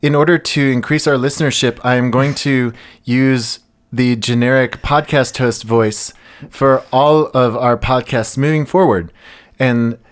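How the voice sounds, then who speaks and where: Parody read: a man doing a stock male podcast host, mid-pitched, every word belabored. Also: close to an everyday voice. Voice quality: belabored, overly deliberate delivery. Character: generic smooth male podcast host, slow and overexplaining.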